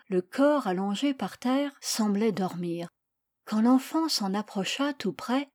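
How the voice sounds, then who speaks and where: A woman narrating a story at an even, deliberate pace. Her voice sits fairly high for a woman's, and her delivery is measured and expressive, shaped for reading aloud.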